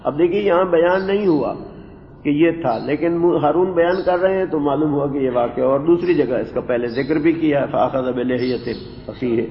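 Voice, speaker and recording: A man teaching a Quranic exegesis lesson, explaining Arabic grammar word by word in a calm lecturing way. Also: fairly high pitch, a little hiss or hum. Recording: dull roomy recording with long reverb.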